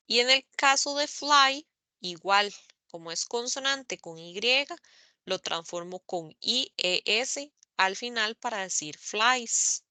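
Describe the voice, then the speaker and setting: Slow, bright-voiced woman teaching English. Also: mid-range voice, smooth, no room sound. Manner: slow, careful, spells out letters and repeats examples. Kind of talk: online class explaining grammar. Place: online meeting recording.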